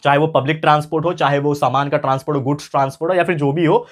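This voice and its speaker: A male tutor from India giving a classroom lecture, repeating key phrases slowly and asking his students questions. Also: on the high side, steady tone. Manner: mixes English phrases into speech.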